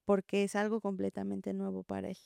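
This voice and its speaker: A woman, a preschool teacher, explaining gently in an interview and acting out what children and teachers say. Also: mid-range voice, monotone, fairly quick, vocal fry, clear, resonant tone, no room sound, studio quality. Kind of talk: interview answer, calm explaining.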